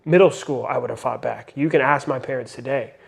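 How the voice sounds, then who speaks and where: A man's voice: medium pitch, fairly quick, creaky, breathy edge. A young man and father talking earnestly in a casual podcast conversation, reflecting and using many fillers. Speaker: podcast co-host.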